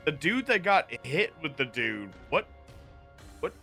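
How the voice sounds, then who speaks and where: Excited player dude, bright voice going up and down a lot, faint music. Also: male voice, a little high, a little slow. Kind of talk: casual tabletop game chat.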